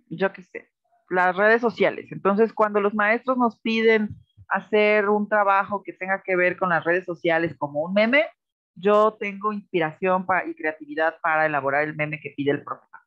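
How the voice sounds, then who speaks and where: A woman teacher with a Mexican Spanish accent gives patient, explanatory feedback in an online class, frequently checking that students are following. Her voice is medium-pitched, and the recording is lo-fi with no echo.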